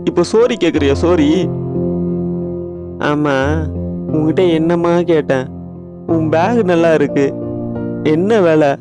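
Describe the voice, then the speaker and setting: A man's voice: a little high, close to an everyday voice. An actor playing a bandaged young male student in hospital, complaining and sarcastic in a TV serial. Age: young adult. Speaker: injured college student in hospital. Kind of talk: TV serial acting. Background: background music.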